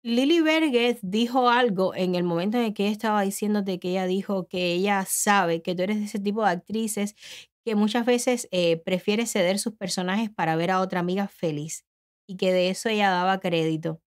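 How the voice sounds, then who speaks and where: A woman's voice: medium pitch, moderate pace. A woman hosting an interview podcast, speaking reflectively in long, winding sentences. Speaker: podcast host.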